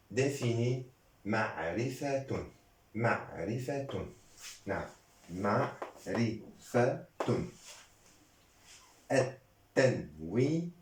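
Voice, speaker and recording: Very slow man teaching in an echoey room. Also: fairly low pitch, darkish tone. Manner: slow, repeats each word several times, switches between French and Arabic. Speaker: Arabic teacher. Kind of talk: slow bilingual grammar lesson. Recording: echoey room, voice far from the mic.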